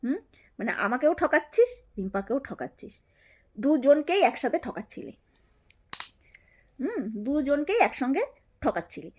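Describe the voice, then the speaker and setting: Brief: woman, 30s, high voice, mocking and scolding, hammers each point twice. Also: sing-song, normal speed, long pauses, a little mellow. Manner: taunting, scolding, repeats her jabs. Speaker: YouTube creator. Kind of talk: angry callout monologue to camera.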